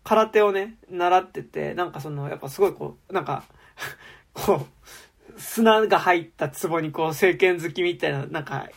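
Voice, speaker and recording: A woman's voice: lowish voice, normal speed, vocal fry. A woman co-hosting a casual podcast chat about a TV drama, acting out quoted lines as she talks. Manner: animated, acts out quoted lines. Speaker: podcast co-host.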